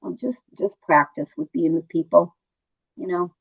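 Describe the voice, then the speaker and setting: A woman's voice: lowish voice, normal speed, vocal fry, breathy edge. A middle-aged woman, a nurse being interviewed, talking conversationally and telling personal stories, repeating words for emphasis. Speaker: hospice nurse interview guest. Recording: muffled phone-like line.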